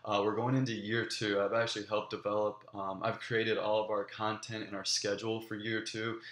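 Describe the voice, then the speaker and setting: A man's voice: fairly low pitch, flat delivery, a little fast, a bit bright, roomy sound. Earnest young man with many ums. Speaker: graduate student applicant. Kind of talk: video application pitch.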